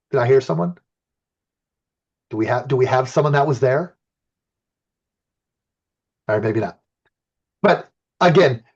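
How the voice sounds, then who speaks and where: A fairly high-voiced man, from Illinois, lecturing about archaeology with enthusiastic, chatty storytelling. His voice comes through a computer mic on a video call. The audio is dull and lo-fi. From Illinois, USA. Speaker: archaeologist giving a talk. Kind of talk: lecture with personal anecdotes.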